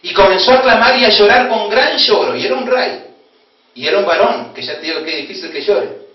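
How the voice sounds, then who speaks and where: A man pastor with an Argentine accent from Corrientes, preaching a sermon and telling a story with emotional swings between loud exclamation and hushed tones. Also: high-pitched, fairly quick. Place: church hall. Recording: very echoey hall, distant dull mic.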